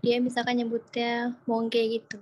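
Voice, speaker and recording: A woman student gives a hesitant answer to her teacher in an online class. Her voice sits a little high. Faint noise runs behind her. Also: monotone, moderate pace.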